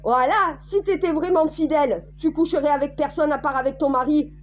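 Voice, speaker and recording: Blunt high-voiced French woman, lo-fi. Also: a little fast. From France. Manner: blunt and crude, addressing viewers directly. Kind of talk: casual monologue.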